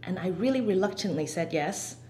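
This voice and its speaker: Woman from Hong Kong, interview guest, lowish voice, animated bursts, roomy sound. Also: fairly quick. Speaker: guest, singer and composer. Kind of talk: interview conversation. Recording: roomy echo.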